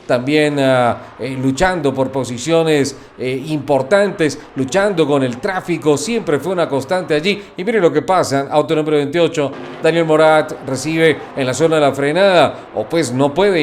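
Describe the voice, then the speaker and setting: A man working as a motorsport commentator, calling race highlights with excitement and emphatic repetition. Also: slight background noise. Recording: voice over music. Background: music.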